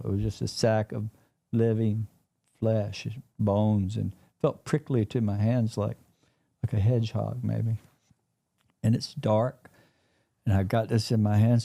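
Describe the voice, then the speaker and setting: A man telling a personal story in an interview, in a halting, plain-spoken way that repeats words. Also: on the low side, vocal fry, dark tone. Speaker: interview guest.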